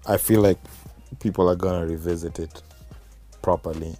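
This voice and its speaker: A man's voice: sits low, steady tone, normal speed, mellow, faint music behind. A man with a Kenyan accent talking casually and reflectively as a guest musician in an interview.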